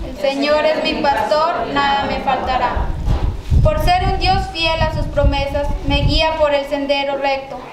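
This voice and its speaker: A woman with a Mexican accent leading liturgical prayers and readings at a church mass, in a measured recited cadence with occasional restarts. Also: sits high. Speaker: lay prayer leader. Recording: very echoey church with background noise.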